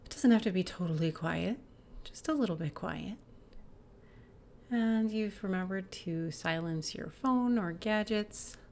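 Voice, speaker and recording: A woman leading a guided body-awareness exercise in a calm, gentle, inviting manner, sometimes dropping to a soft whisper. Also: mid-range voice, measured pace, a little hiss or hum.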